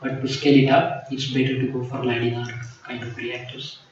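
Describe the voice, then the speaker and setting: A man's voice: medium pitch, completely flat delivery, brisk. A man answering questions as a PhD candidate at a thesis defense, explaining things in a hedging manner. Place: large echoey room. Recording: echoey hall, distant mic, dull, faint noise.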